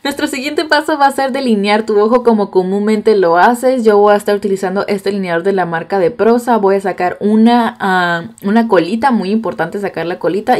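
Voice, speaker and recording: A woman's voice: medium pitch, a little mellow. Makeup tutor, female, chatty and teasing, casual step-by-step delivery. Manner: chatty and playful, with teasing asides. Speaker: makeup artist.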